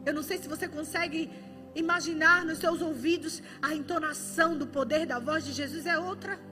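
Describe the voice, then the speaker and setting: A woman's voice: sits high, fairly even intonation, brisk, music in the background. A woman preacher giving a fervent, emotional sermon, her voice often breaking with tears.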